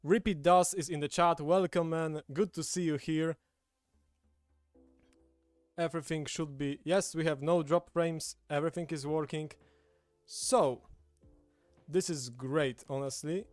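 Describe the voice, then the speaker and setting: A Polish man, speaking his native language with a Polish accent, chats casually while hosting a livestream from a table indoors with a streaming setup. His voice is fairly high with fairly even intonation, and he talks a little slowly with long pauses. The recording is dry, and background music plays.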